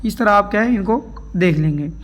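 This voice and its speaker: High-voiced teacher. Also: male voice, animated, brisk, fairly bright tone. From India. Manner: asks questions and answers them himself; explains while writing on a board. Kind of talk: exam-prep grammar lesson.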